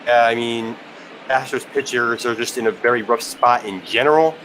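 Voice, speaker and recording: A man's voice: medium pitch, steady tone, moderate pace, a bit bright, a little hiss or hum, low-quality recording. A man working as a color commentator, giving conversational live baseball analysis.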